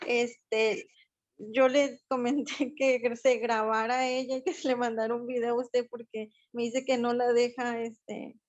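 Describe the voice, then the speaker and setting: Flat-voiced woman on a muffled call. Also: a little high, measured pace. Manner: hesitant, explaining with fillers. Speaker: class participant. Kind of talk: casual remark on a call. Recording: lo-fi online call audio.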